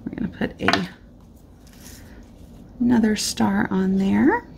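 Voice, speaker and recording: A woman with a mid-range voice and vocal fry speaks slowly while leading a casual card-making session at her indoor craft desk, thinking out loud and slightly losing her voice. There's slight background noise. Filming is from overhead, showing her hands alone on the craft mat.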